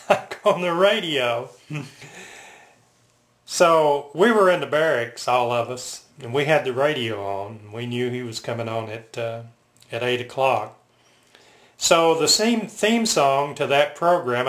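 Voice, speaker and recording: An older man telling personal stories casually, in a halting, reflective, unscripted way. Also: mid-range voice, fairly bright tone. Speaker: military veteran reminiscing. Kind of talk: casual personal storytelling to camera. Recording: roomy, echoing home recording.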